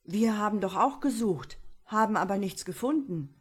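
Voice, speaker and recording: A woman's voice: mid-range voice, lively intonation, moderate pace, slightly rough. A woman voicing mocking, greedy sons-in-law who scold and taunt. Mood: scornful.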